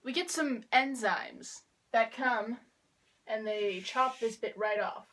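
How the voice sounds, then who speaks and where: A teenage girl talks through a school biology assignment in a casual, deadpan way, with sarcastic asides. Her voice sits slightly high. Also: takes it slowly, rough recording. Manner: wry, deadpan humor. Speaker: student making a class video. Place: kneeling on the ground drawing with chalk.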